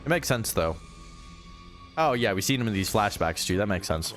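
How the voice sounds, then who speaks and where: A man's voice: fairly low pitch, lively intonation, moderate pace, a bit bright, soft background music. A man giving casual, sweary reaction commentary as a streamer, with incredulous asides.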